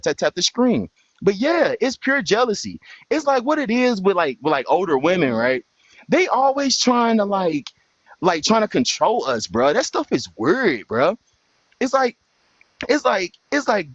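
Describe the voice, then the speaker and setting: A young man hosts a livestream panel in a casual, slangy way, repeating "bro" as he argues his point. His voice sits fairly high and swings widely up and down. The audio is dull and lo-fi, dry with no room sound. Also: no room sound.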